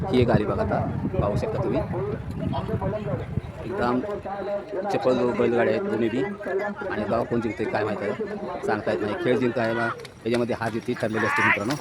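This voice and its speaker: Guy calling a race live to his viewers, keeps saying look look, average pitch, super loud crowd and noise behind. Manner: repeats "look" over and over, excited as carts pass; addresses viewers as friends. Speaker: vlogger commentating a bullock cart race. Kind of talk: live on-the-spot commentary. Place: outdoors at a rural bullock cart race.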